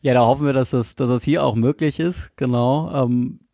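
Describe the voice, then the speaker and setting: A man's voice: medium pitch, normal speed, gravelly, warm tone, dry recording, studio quality. A man hosting a podcast interview, asking long rambling questions with many fillers. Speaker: podcast host.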